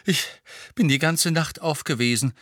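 A man's voice: a little high, moderate pace, a bit bright, no room sound, clean studio sound, pitched above the performer's own voice. A man voicing a tired, friendly young witch who talks through yawns in an audiobook. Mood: sleepy. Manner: yawning, sleepy.

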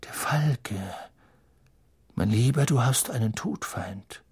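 A man reading an audiobook, voicing a dramatic, eccentric female fortune-telling teacher who talks in breathy, hushed whispers. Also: medium pitch, slow, dry recording. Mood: ominous whisper.

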